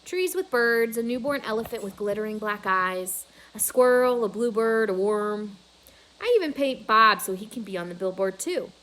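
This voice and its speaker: A woman's voice: mid-range voice, lively intonation, moderate pace, a bit bright, poor audio. A woman reading a children's novel aloud as a storyteller.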